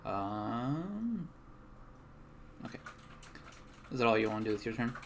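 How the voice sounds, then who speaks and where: A man improvising tabletop game narration as game master, casual and halting as he searches for words. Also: medium pitch, very animated, a little hiss or hum.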